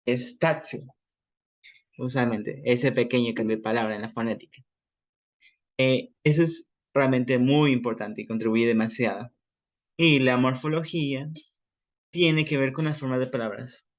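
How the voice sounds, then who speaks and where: A man's voice: mid-range voice, steady tone, moderate pace. A man with an Ecuadorian accent giving a class presentation, explaining informally with everyday examples. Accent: Ecuadorian Spanish.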